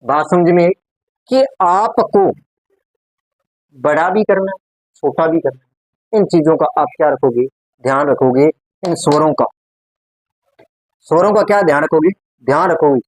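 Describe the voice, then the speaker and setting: A man's voice: a little high, measured pace, long pauses, dry recording, low-quality recording. A man teaching Hindi grammar in a classroom, speaking with a Rajasthani Hindi accent. He repeats each word and keeps asking rhetorical questions to check that his students follow. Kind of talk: classroom lecture.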